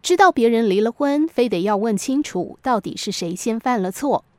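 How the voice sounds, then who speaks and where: Higher-voiced woman, measured reflective narration. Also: lively intonation, darkish tone, dry recording, studio quality. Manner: measured, moralizing storyteller. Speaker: podcast host.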